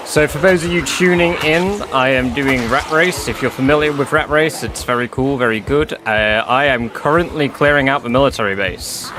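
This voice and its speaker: A man's voice: mid-range voice, background noise. A man livestreaming a game in casual, sweary chat, saying w for r. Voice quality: cannot pronounce R's, says w for r. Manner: informal, sweary.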